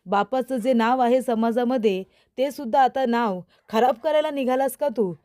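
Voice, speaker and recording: A woman's voice: a little high, moderate pace, mellow, natural voice. A woman voicing a stern middle-aged father who scolds his son, in a retold TV serial recap. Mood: scolding. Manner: scolding, accusing.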